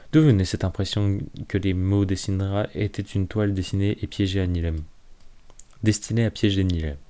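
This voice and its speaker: Brief: male audiobook narrator, calm and measured, low mellow voice. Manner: calm, measured reading with small slips. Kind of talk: fantasy novel narration.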